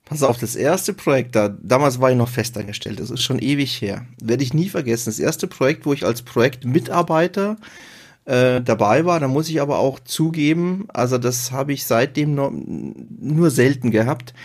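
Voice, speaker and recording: A man co-hosting a casual podcast, calmly recalling an early work project. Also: mid-range voice, normal speed. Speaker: podcast co-host.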